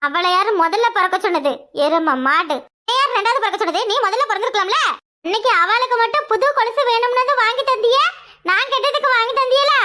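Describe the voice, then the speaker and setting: Woman voicing a quick, bright, whiny cartoon teen girl, southern Tamil village accent. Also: extremely high pitch. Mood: sulky. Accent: southern Tamil Nadu village Tamil. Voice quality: whiny, argumentative. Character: sulky talkative teenage younger daughter. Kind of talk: cartoon voice acting.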